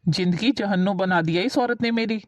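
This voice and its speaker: A woman playing a hot-tempered young married man who shouts angrily at his wife. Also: medium pitch, brisk, a little hiss or hum, close to an everyday voice. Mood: angry. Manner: angry, shouting orders.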